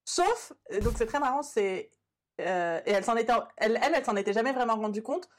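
A woman's voice: on the high side, animated, brisk. A woman co-hosting a podcast, telling a long anecdote in a chatty way, full of fillers. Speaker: podcast co-host. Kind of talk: casual storytelling.

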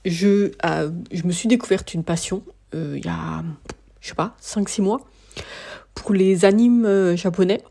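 Worn out and tired, a woman hosts a laid-back solo podcast in a mellow, medium-pitched voice with vocal fry, speaking a little slowly. Her delivery is hesitant, peppered with fillers and false starts.

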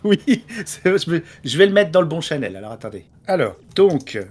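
Animated joking podcast host, man. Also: fairly high pitch, a little fast, husky. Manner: jokey, animated, self-mocking. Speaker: podcast host and jury president. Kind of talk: casual chat on a live podcast event. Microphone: voice call over Discord.

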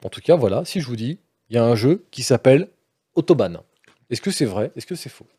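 A man's voice: medium pitch, big pitch swings, fairly quick, mellow, slightly rough. A man hosting a board-game quiz in a studio, playful and teasing with his guests. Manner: playful, teasing, theatrical asides. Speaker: quiz host. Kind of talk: casual panel chat, running a quiz.

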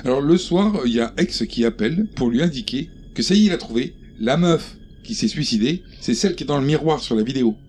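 A man's voice: mid-range voice, lively intonation, fast talker, hardly any pauses, darkish tone, a little hiss or hum. Laid-back man recapping a film with friends, plenty of jokes. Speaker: podcast co-host. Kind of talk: casual film recap chat.

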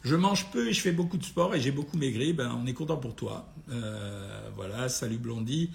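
A man with a gravelly, hoarse, tired voice, informally answering listeners' questions as a doctor in a blunt, familiar way. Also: mid-range voice, moderate pace. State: tired, a bit worn out. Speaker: doctor hosting a nutrition question-and-answer session. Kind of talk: informal live question-and-answer, reading out comments and replying.

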